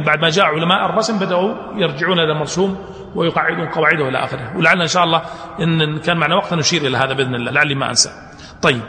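A man's voice: high-pitched, sharp tone, roomy sound, long reverb tail. A male teacher giving a classroom lecture, asking his students questions and answering them himself, mixing colloquial and formal speech. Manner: colloquial Gulf Arabic mixed with formal speech.

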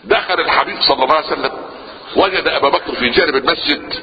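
A man's voice: on the high side, rapid-fire, slight background noise. A man with an Egyptian Arabic accent preaching a sermon, quizzing the listeners with rhetorical questions. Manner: lively, rhetorical questions to the audience. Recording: lo-fi reverberant hall recording.

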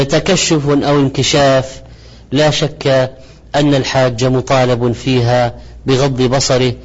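A man giving a religious lecture in formal standard Arabic, speaking in a measured, didactic way in short phrases. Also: mid-range voice. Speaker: religious lecturer presenting a program. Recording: slightly dull, lo-fi audio.

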